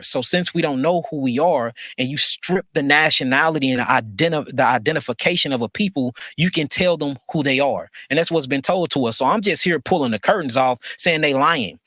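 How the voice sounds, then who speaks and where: Casting: emphatic man, bright forceful tone, dry close recording. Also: fairly high pitch, no room sound. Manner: emphatic, repeats phrases, asks rhetorical questions. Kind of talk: conversational monologue.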